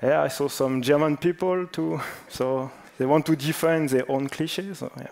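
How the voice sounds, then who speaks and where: A man's voice: a little high, steady tone, normal speed, gravelly, darkish tone. A man presenting at a conference who runs a joking quiz in a playful, teasing manner. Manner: playful, jokes about national clichés.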